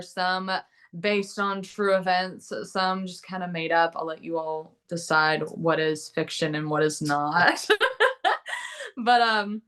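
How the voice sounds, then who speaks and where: Chatty, lower-pitched American woman, sassy. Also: a bit bright, smooth. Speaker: guest, country singer-songwriter. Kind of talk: casual interview chat.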